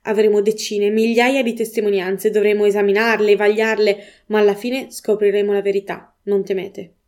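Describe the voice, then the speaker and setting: A woman reading the lines of a male police superintendent in a measured, formal tone. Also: medium pitch, level tone, darkish tone, lightly acted. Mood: reassuring.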